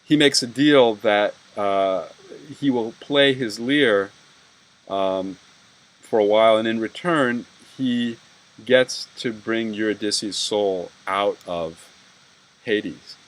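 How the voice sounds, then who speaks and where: A man's voice: lowish voice, slow, low-quality recording. A man giving a university lecture, rambling and peppering his talk with "right?" and "you know".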